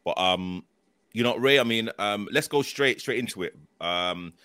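A man hosts a casual live show. His voice sits fairly low with a bright, forward edge and a dry sound. He circles back over his phrases and leans on fillers. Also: measured pace, smooth, dry recording. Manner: hesitant, repetitive, frequent filler phrases. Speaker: host.

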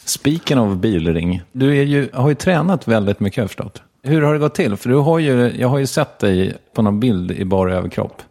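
A man's voice: mid-range voice, lively intonation, hardly any pauses, darkish tone. A man interviewing a guest in casual chat, prompting with short questions.

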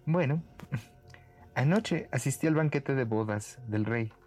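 A man's voice: medium pitch, slow pace, a little mellow, faint music behind, voice pushed up. A man voicing a clever, sly young peasant woman in a bedtime story, speaking sweetly and teasingly. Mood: confiding. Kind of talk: storybook character voice.

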